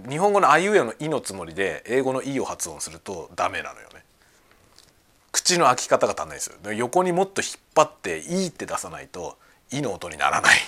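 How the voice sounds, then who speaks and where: Male podcast host, casual chat, talkative and excited, bright tone. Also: mid-range voice. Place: at home, cooking and eating lunch.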